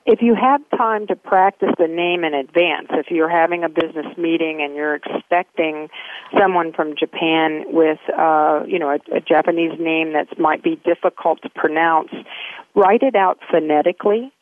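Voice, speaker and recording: A woman from the United States speaks in a measured, explanatory way as an interview guest. Her voice comes through a narrow, tinny phone line with no room sound at all. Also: deep voice, no echo. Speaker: etiquette expert guest.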